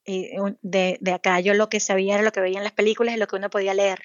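A woman's voice: medium pitch, little pitch movement, no echo, muffled recording. A woman, a doctor being interviewed, talking thoughtfully with frequent fillers and restarts. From Venezuela. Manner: thoughtful, many fillers and restarts, slows to stress points. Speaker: pediatric cardiologist guest. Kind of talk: interview, recounting experiences.

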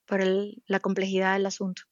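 A woman's voice: medium pitch, completely flat delivery, no echo, highs cut off. A woman, a doctor being interviewed, talking thoughtfully with frequent fillers and restarts. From Venezuela. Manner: thoughtful, many fillers and restarts, slows to stress points. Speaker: pediatric cardiologist guest. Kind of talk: interview, recounting experiences.

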